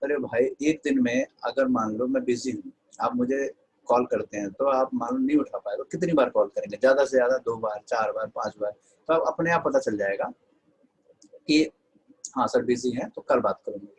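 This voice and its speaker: A man's voice: medium pitch, moderate pace, husky, rough recording. An Indian man teaching an online English class, mixing Hindi with English and dictating notes to his students.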